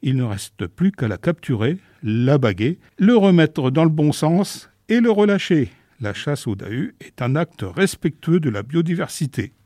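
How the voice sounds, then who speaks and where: A man with a soft, warm tone narrates in the manner of a nature documentary. His delivery is scripted and deadpan, with a mock-scholarly seriousness. The voice sits a little higher than average for a man and sounds close and dry, with hardly any room around it. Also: measured pace, few pauses, dry recording. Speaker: radio presenter of a local-culture segment.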